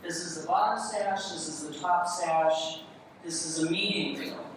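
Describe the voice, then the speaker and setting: In a big city hall room full of echo, a window restorer presents a live demonstration, naming and explaining each part one by one as it's shown. The voice is mid-pitched, heavily reverberant, and captured from a distance in a noisy live recording.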